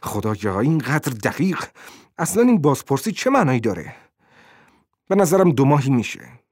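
A man's voice: mid-range voice, sing-song, darkish tone, no echo, studio quality, pitched above the performer's own voice. A man voicing a suspicious old landlady who needles and pries in a falsely sweet way, in a storybook reading. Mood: evasive.

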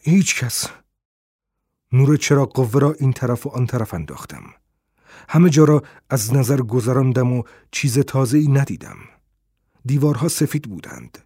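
A man narrating a first-person detective novel in a steady storytelling manner. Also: medium pitch, husky, dry recording, clean studio sound. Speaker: audiobook narrator.

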